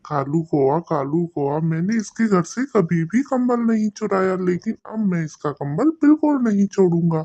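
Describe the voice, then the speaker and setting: A man's voice: sits high, animated, moderate pace, few pauses, dark tone, no echo, lo-fi sound. A man playing Kalu, the sly thieving crow. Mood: scheming. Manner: scheming, muttering to himself. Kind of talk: cartoon voice acting.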